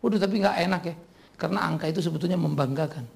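A man preaching as a pastor, delivering a humorous sermon in a lively joking manner that often breaks into laughter. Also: on the high side, rapid-fire, gravelly. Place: church.

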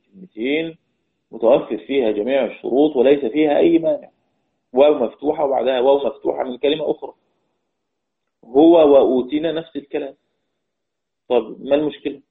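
A man with an Egyptian accent teaching a Quran recitation lesson, explaining step by step and putting questions to his students. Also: mid-range voice. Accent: Egyptian Arabic. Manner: chants verse lines slowly. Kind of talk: recorded online lesson. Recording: tinny phone-like line.

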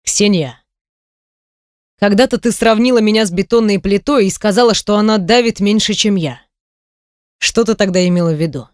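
A woman reading an audiobook voices a stern, proud middle-aged man, gruff and curt. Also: medium pitch, moderate pace, long pauses, darkish tone, dry recording, clean studio sound, lightly acted. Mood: bitter.

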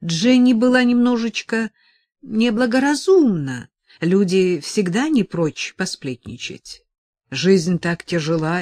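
A woman's voice: lowish voice, dry recording. Woman narrating a classic novel, dry. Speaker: audiobook narrator.

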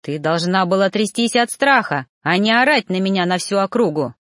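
A woman's voice: mid-range voice, animated, moderate pace, fairly bright tone, no echo, studio quality, close to an everyday voice. A woman reading the part of an irritable, stern male soul reaper mentor, hissing and snapping her lines in an audiobook. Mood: irritated. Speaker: audiobook reader.

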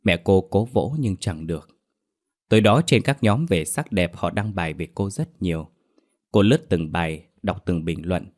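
A man narrating a horror story in a steady storytelling manner. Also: deep voice, moderate pace.

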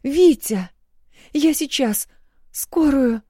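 A woman voicing an emotional young wife in an audiobook, her pleas raised and high. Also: measured pace, mellow, dry recording, clean studio sound, close to an everyday voice. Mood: alarmed. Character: excited young wife, anxious then teasing.

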